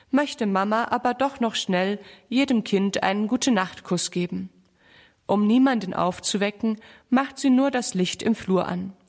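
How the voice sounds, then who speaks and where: A woman reads a children's story aloud. Her narration is even and steady, with a calm storytelling lilt. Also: medium pitch.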